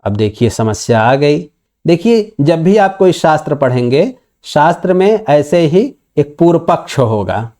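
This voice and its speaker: A man teaching Sanskrit grammar in a patient lecture, slowly reciting the sutras and explaining them step by step. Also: mid-range voice, dark tone. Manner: acts out a student's objection in dialect.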